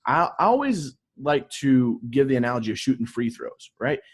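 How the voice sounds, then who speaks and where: A husky-voiced man speaks as a sales coach in a casual interview. His pitch sits in the middle range, and he talks in an informal, emphatic way peppered with salty slang and buddy talk. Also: big pitch swings, normal speed.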